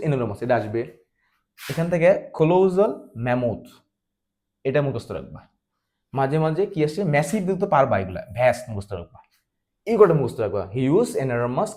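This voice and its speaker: A man's voice: medium pitch, a little mellow. A man teaching a vocabulary class, who keeps asking questions and answering them himself, repeating words for drilling. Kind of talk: online class lecture.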